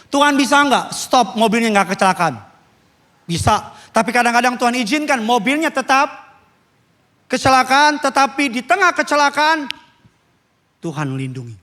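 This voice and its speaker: A man preaching a sermon as pastor, swinging from low murmurs to loud calls and asking the congregation to respond. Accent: Indonesian. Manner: asks congregation to respond and turn to neighbours.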